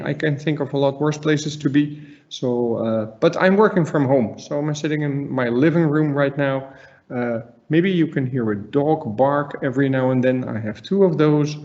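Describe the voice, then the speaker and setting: A man's voice: on the high side, a little mellow. A middle-aged man with a Dutch accent gives a conversational slide presentation as a trainer, emphatic and repeating words for stress. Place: living room at home. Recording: slightly dull webinar audio.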